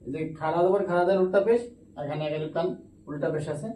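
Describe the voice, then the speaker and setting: A man with a Bangladeshi Bengali accent teaching Quran reading, spelling out letters and vowel marks slowly in a drawn-out, melodic way. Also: on the high side, mellow. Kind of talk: spelling-out recitation lesson. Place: madrasa classroom. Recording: echoey room, mic at a distance, faint background ambience.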